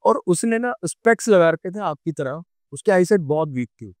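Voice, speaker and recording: A young man with a Delhi Hindi accent telling a true ghost story on a podcast, animated and acting out the scenes. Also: sits high, moderate pace, no echo, studio quality. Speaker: podcast guest.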